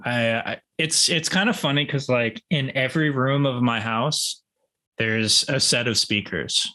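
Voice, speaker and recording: Bright-voiced man rambling through interview answers. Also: medium pitch, unhurried. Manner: rambling, self-deprecating, many restarts. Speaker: guitarist guest.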